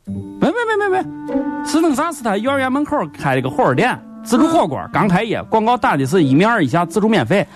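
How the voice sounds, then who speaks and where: Performer playing an excitable, fast-talking Shaanxi man. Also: high voice, music in the background. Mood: boastful, animated. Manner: exclaiming, stammering and repeating words. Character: excitable, nosy, talkative everyday man. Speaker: sketch comedy performer. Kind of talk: comic two-person dialogue skits in dialect.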